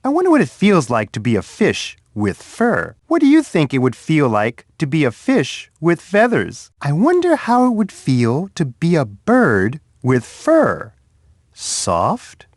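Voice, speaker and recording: A man voicing Bear, a big, friendly bear who guides young children through an edutainment game, talking to them warmly and patiently. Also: on the high side, wildly swooping pitch, unhurried, no room sound, clean studio sound, exaggerated voice. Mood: friendly, coaxing. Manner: warm, patient, talks straight to a young child. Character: big friendly male bear host, gentle and encouraging.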